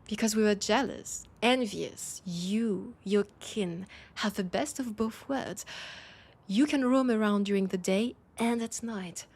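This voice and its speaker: Envy and intensity color this take from the woman with a French accent playing a weary, wry female vampire in an intimate roleplay. Her mid-range voice is a little mellow, breathy and husky, and she speaks hesitantly, as if confiding.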